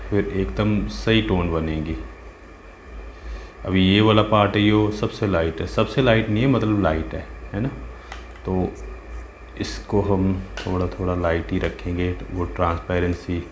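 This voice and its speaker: Art teacher, male, low voice, patient casual tutorial tone, echoey room. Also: fairly even intonation, measured pace, long pauses, slight background noise. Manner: patient, talks while working, asks "है ना?" and "ठीक है?" often. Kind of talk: casual step-by-step drawing tutorial. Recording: roomy with faint ambience.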